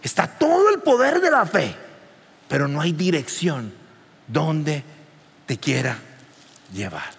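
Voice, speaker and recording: A man preaching a sermon as pastor, animated and rising to near shouts. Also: on the high side, takes it slowly, pauses often, husky, big-room sound.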